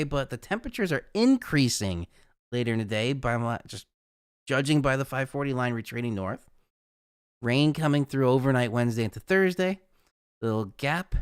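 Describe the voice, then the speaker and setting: Chatty man with a lively voice. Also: medium pitch, clear, resonant tone, dry recording, clean studio sound. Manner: chatty, rambling, laughs at his own jokes. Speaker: weather forecaster hosting a livestream. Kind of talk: casual live weather forecast chat.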